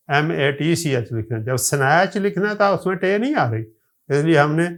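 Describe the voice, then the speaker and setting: A man's voice: a little high, fairly bright tone. Man teaching English spelling rules. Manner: explains slowly, lists example words one by one. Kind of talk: recorded classroom lecture.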